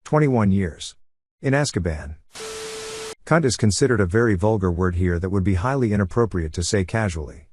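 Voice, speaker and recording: A man reading online forum comments aloud in an even, matter-of-fact way as the narrator of a compilation. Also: sits low, normal speed, dry recording.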